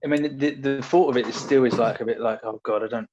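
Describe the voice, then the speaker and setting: This young personal trainer talks fast in a mid-range, darkish voice with fairly even intonation, hesitating often with fillers and restarts as he tells casual stories as a podcast guest. The dull lo-fi recording carries a little hiss or hum.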